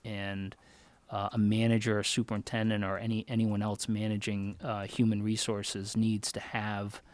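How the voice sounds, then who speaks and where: A man from Connecticut answering interview questions in an earnest, measured way as a job candidate. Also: fairly low pitch, monotone, no echo. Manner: earnest, measured, thinks aloud. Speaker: job candidate for town manager.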